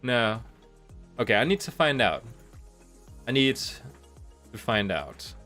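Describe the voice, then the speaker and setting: A man with a slight cold, sounding nasal, streams a game from home on a rainy day, faint music in the background. He rambles and thinks aloud with restarts in a mid-range voice that is bright and forceful, slow-paced, with big pitch swings.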